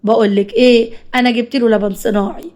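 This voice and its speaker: A woman's voice: a little high, steady tone, fast talker, darkish tone, natural voice. A woman voicing a domineering, possessive widowed mother-in-law who scolds and gives orders, with an Egyptian accent. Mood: scolding. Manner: bossy, scolding.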